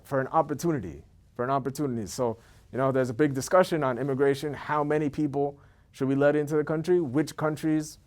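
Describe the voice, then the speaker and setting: Male, 30s, from Ethiopia, slightly high voice. Casual, rambling to-camera promo with lots of repetition and "okay?" tags. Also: darkish tone. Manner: rambling, repeats words, keeps asking "okay?". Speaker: event organizer.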